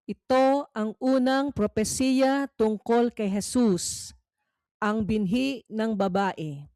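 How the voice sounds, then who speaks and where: A Filipino woman reads a scripted Bible quiz aloud for listeners to follow along, pacing herself deliberately and pausing between phrases. Her voice sits a little high with a dark tone, and the recording has no room sound.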